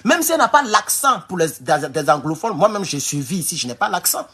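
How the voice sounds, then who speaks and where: A high, husky male voice with a Burkinabè French accent delivers a political commentary vlog. He talks in an animated, rousing way, swinging widely in pitch and often restarting his phrases as he calls on his listeners as comrades. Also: fairly quick. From Burkina Faso.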